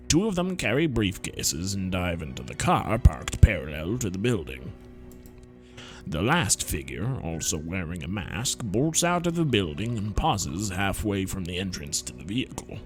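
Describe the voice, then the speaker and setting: A man with a deep yet fairly bright voice reads a visual novel aloud for his friends. He keeps it playful, dropping whispered asides that form running gags.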